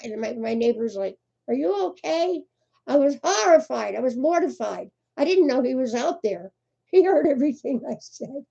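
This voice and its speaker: A woman's voice: fairly high pitch, animated, moderate pace, vocal fry, warm tone, husky. An older woman, hosting a casual crochet livestream, chatty and laughing often as she greets viewers by name. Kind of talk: casual live chat. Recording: muffled lo-fi livestream audio.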